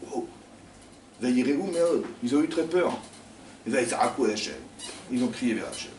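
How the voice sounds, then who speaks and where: A man's voice: mid-range voice, lively intonation, slow, darkish tone. A man teaching a religious class to a live group, firing rhetorical questions at his listeners and acting out imagined dialogues. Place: study hall classroom. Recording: echoey room, distant mic, faint noise.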